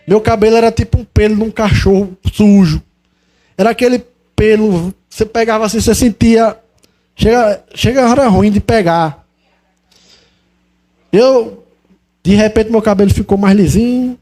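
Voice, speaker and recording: Young man, high mellow voice, fervent and emotional testimony speaker. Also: normal speed, long pauses. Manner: fervent, exclaims praise often. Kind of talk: religious testimony.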